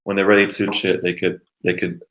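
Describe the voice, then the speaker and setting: Man, casual chat, low voice, halting delivery with restarts. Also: level tone, fairly bright tone. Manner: halting, repeats words. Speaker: host.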